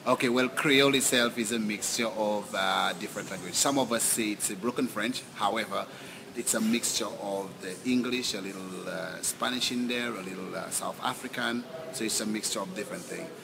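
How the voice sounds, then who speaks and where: A man's voice: lowish voice, a little fast, creaky. A man with a Saint Lucian accent informally explaining his language, a little hesitantly and by example. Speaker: local man explaining Creole. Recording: noisy outdoor location recording.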